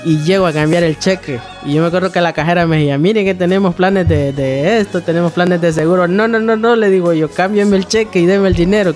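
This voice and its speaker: Man, personal testimony, storyteller, slightly high voice, faint music bed. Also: darkish tone. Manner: storytelling, acts out dialogue, addresses listener as "hermano". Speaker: testimony speaker.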